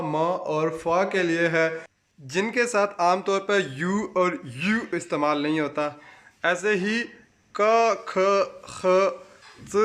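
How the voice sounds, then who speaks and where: A man with a Pakistani Urdu accent narrating a language lesson in a measured, explanatory way. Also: high-pitched, fairly bright tone, roomy sound. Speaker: language teacher.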